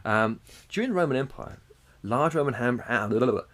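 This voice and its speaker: A man's voice: medium pitch, expressive, brisk, fairly bright tone. A man, co-hosting a casual podcast chat, swearing freely and chuckling as he talks. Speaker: podcast co-host.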